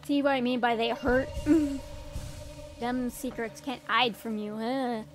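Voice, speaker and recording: A woman's voice: fairly high pitch, fairly even intonation, slow, soft background music. A woman streaming a game, chatting casually with her viewers, giggling often and greeting them by name. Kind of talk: casual livestream gameplay chat.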